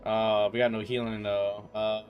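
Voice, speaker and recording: Game music plays under a livestreamer in his twenties who rambles, teases, and answers viewers informally as he plays. His lowish voice comes across flat at a normal speed, and the audio is dull.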